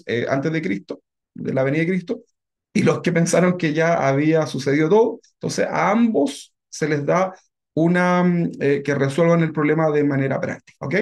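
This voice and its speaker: A pastor teaching a Bible class in a relaxed, conversational way. His voice sits a little high for a man and has a gravelly, creaky edge. He keeps turning to the congregation with short tag questions.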